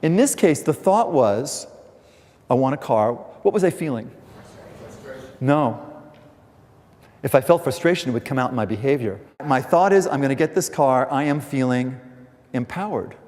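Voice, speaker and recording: A man's voice: mid-range voice, expressive, normal speed, long pauses, darkish tone. A man giving a communication seminar to a live audience, telling anecdotes, acting out other people's lines and asking the room questions. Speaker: communication trainer. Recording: long hall reverb, faint background music.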